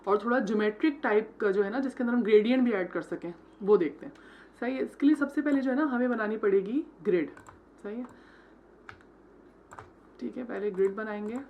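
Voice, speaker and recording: A woman's voice: mid-range voice, fairly quick, lo-fi sound, a little hiss or hum. A woman teaching logo design step by step, mixing English terms into her Hindi and checking in with "theek hai" after each step. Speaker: design tutor. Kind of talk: screen-recorded software tutorial.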